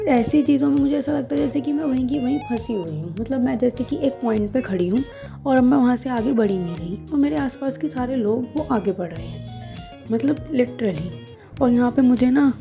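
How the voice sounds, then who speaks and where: This is a twentysomething woman with a fairly high-pitched, gravelly voice, chatting casually to the camera in Hinglish. A vlogger and school teacher, she mixes in English phrases and makes fun of herself.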